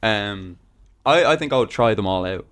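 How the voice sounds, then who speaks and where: A young man with a lowish voice talks casually as a podcast guest. He is laid-back, laughs easily and trails off into fillers. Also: animated, moderate pace, a bit bright. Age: 20s. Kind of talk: casual chat.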